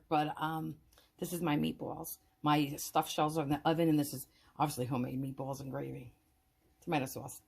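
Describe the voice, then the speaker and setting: Female cooking vlogger, slightly low voice, casual and enthusiastic, talks straight to her viewers. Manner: enthusiastic, repeats "guys" and praise words.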